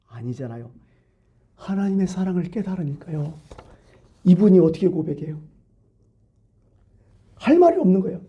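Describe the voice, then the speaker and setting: A male pastor preaching a sermon, asking rhetorical questions and swinging between loud emphasis and hushed, near-whispered lines. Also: sits high, very animated, moderate pace, long pauses, highs cut off. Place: church.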